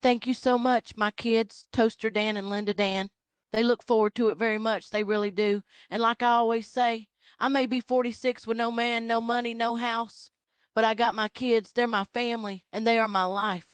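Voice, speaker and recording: A woman voicing a loud, proud Southern Baptist mother in her forties with a Southern US accent, talking in an earnest, rambling, repetitive way. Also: on the high side, level tone, normal speed, clear, resonant tone, no echo, lightly acted.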